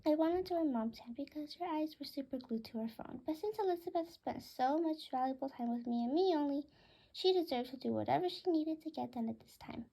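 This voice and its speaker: A woman reading a children's story aloud in first person, with a gentle, even storytelling manner. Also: sits high, brisk, creaky.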